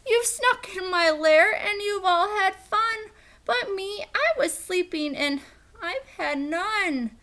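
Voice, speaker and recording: A woman's voice: very high voice, lively intonation, slow pace, bright, forceful tone, pitched above the performer's own voice, exaggerated voice. A woman voicing a big, grumbling, self-pitying bear who whines and wails in a children's storybook. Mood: whiny, aggrieved. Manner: whiny, wailing. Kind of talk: animated children's storybook reading.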